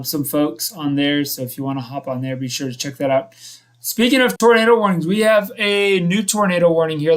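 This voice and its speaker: Male live weather host, voice a little high, unscripted severe weather commentary, somewhat halting and self-correcting as he analyses. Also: fairly bright tone.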